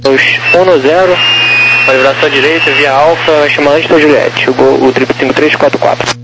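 A man's voice: a little high, steady tone, normal speed. A Brazilian man working as a tower controller, giving clipped procedural air traffic control instructions over the radio. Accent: Brazilian Portuguese. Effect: aviation radio. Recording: noisy, humming aviation radio recording.

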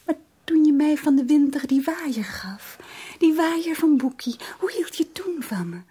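A highly strung young woman for a radio drama, quick to alarm and prone to tender, breathy whispers. Her voice sits high. She sounds fragile and overwrought. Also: expressive. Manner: emotional, soft and breathy, often whispering. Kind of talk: 1980s radio drama acting.

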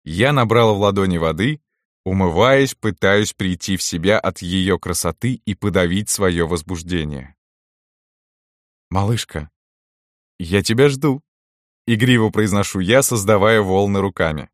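A man reading a first-person romance story aloud in a calm, intimate storytelling manner. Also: low voice, moderate pace, no echo, clean studio sound. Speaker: audiobook narrator.

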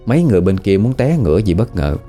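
Over soft background music, a man with a low, warm voice talks fast with big swings in pitch. He has a Southern Vietnamese accent and tells a horror story in a chatty, conversational way, often questioning the listener.

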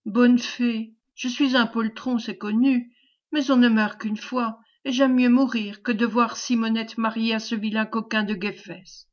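A timid young peasant lad, as a woman reader voices him, pleading in a tearful, respectful tone yet refusing to budge. The pitch sits rather high and the recording sounds a little dull and lo-fi. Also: steady tone, measured pace, close to an everyday voice. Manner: pleading, respectful but determined.

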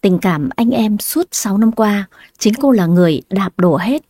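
Brief: woman narrator, mellow tone, dry close sound. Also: medium pitch, expressive, moderate pace, no echo. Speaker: storyteller. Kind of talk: dramatic story narration.

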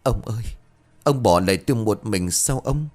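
A man's voice: fairly low pitch, lively intonation, normal speed. A man voicing a grieving middle-aged village widow who pleads and wails through tears. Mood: wailing grief.

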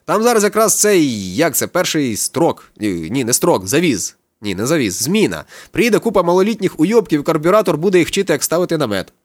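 A man reading an audiobook, voicing a cheerful, naive chubby young man who talks eagerly and chattily, pitching his voice up and speaking louder. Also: big pitch swings, fast talker, hardly any pauses, no echo. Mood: chatty. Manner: eager, chatty, slightly slangy.

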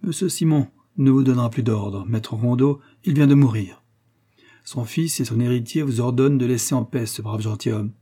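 An old village priest speaks with firm, commanding authority, as a man reading a storybook puts him on. The tone is mellow and dark. It carries a light husk. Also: medium pitch, normal speed, close to an everyday voice.

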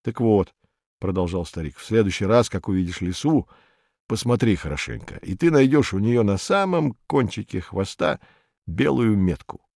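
A man voicing an old storyteller uncle talking to a boy in a low, hushed, unhurried way. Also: lively intonation, creaky, no room sound, studio quality. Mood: gentle, confiding. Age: older.

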